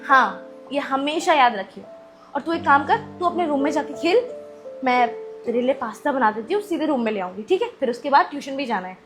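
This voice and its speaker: A woman acting as a young mother of a seven-year-old girl, scolding loudly at times and speaking gently at others, in a family drama skit. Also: sits high, lively intonation, fairly quick, over music. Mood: gentle.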